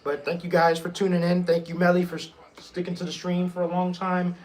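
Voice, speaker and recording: A man with a fairly high voice hosts a live sports watch stream. He is hoarse from yelling, his voice nearly gone, yet he stays excitable and swears freely. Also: a little fast. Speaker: stream host.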